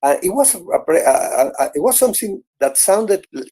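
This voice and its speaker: Man, sixties, live-stream host; pitched a little high, mellow and warm; earnest and encouraging. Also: sing-song, brisk, breathy edge. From Venezuela. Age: 60s. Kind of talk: casual chat on a live audio stream.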